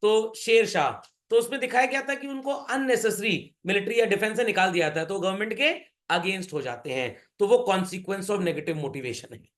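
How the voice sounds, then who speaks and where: Lively high-voiced male teacher. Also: moderate pace, few pauses. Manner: animated, joking, keeps asking "Is that clear?". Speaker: commerce teacher. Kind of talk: classroom lecture.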